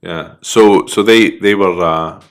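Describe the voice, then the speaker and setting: A man's voice: deep voice, takes it slowly. A man with a Scouse accent, co-hosting a casual podcast chat, running through facts with jokes and laughs. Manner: jokey, reads facts out between laughs. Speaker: podcast co-host.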